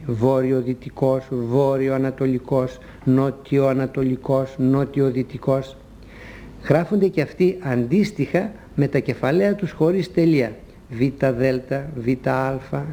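A man giving a measured, didactic scripted talk on correct usage, spelling out letters as a language teacher. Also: medium pitch, creaky, mellow, a little hiss or hum.

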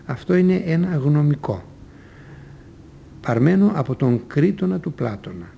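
A man teaching a language lesson, reading example sentences in a measured, deliberate way with careful pauses. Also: a little high, big pitch swings, gravelly, highs cut off, a little hiss or hum.

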